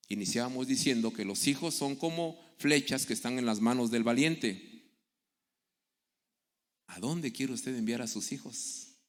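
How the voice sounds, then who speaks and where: A middle-aged man preaching a sermon, telling stories and acting out the people in them. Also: medium pitch. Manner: storytelling, acting out quoted voices. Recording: echoey hall with long reverb.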